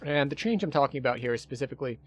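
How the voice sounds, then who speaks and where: A man's voice: medium pitch, lively intonation, racing, muffled recording, a little hiss or hum. A man giving casual commentary while he plays a video game. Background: game music.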